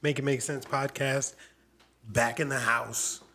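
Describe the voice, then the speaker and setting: A man's voice: mid-range voice, steady tone, measured pace, sharp tone. Thirties guy hosting a podcast, loose and joking, swears a lot, faint background hum. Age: 30s. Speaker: podcast host. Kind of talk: casual chat.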